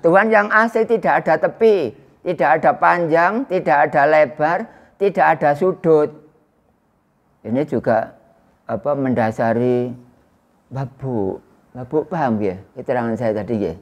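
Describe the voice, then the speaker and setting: A man in his sixties with an East Javanese accent, giving an Islamic study lecture to a small indoor congregation in a loud, projecting voice without a microphone, chatting with his listeners. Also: on the high side, a little slow, pauses often. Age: 60s. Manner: conversational, teasing the audience. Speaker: religious teacher. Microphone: no loudspeaker or microphone used.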